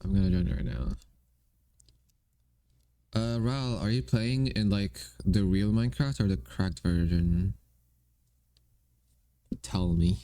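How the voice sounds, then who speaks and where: A young man streams while gaming and drawing, chatting casually, playfully and ramblingly to himself and his viewers. His voice sits low with a dark tone, and he talks slowly with long pauses. There is no echo.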